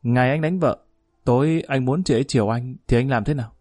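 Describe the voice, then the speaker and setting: Brief: steady, no-nonsense village woman mediator, read by a man, middle pitch, firm and measured. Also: no room sound, clean studio sound, faint music behind, natural voice. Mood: calm firm. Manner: measured, plain-spoken, commanding.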